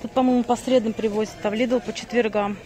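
Middle aged woman doing a casual vlog, highish voice, kinda rambling, thinking out loud. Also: steady tone, quick pace, soft background music. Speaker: vlogger. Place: on the move: stairwell, parked car, busy supermarket. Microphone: handheld phone at arm's length.

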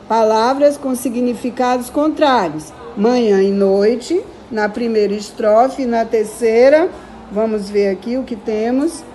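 Slow, patient Brazilian woman teacher. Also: fairly high pitch, dark tone, slight background noise. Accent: Brazilian Portuguese. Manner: slow, patient, drawing out words to stress syllables. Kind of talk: recorded school lesson.

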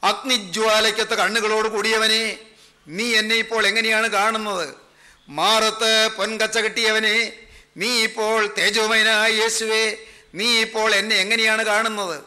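Preacher guy, high voice, pretty flat tone, earnest repeating lines. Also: normal speed. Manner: earnest, repetitive preaching in prayer-like refrains. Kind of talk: sermon.

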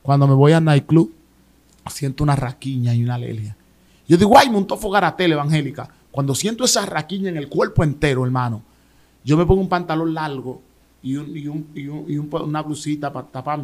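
A man with a Dominican accent tells his personal story in an interview. He talks quickly in a somewhat high voice. His delivery is animated and emotional, and he often restarts and repeats words. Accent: Dominican Spanish. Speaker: interview guest.

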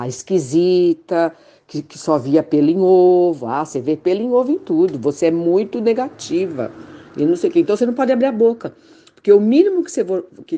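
Low-voiced woman, halting and confessional. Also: warm tone. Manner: halting, many fillers and restarts. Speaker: conversation partner in spiritual talk. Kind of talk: casual reflective conversation.

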